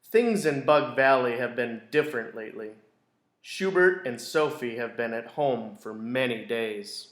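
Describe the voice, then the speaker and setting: In a roomy, echoey indoor space, a school read-aloud storyteller shares a children's picture book. He reads deliberately and expressively in a mid-range voice.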